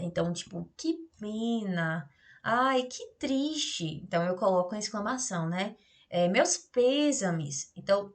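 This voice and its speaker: A woman with a Brazilian Portuguese accent teaches punctuation to adult learners over a remote class. She talks in a relaxed, chatty way and keeps checking that her listeners follow. She reads her example sentences aloud with exaggerated intonation. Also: medium pitch. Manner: explains in a chatty way, with many tag questions and fillers. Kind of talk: remote adult-education grammar lesson.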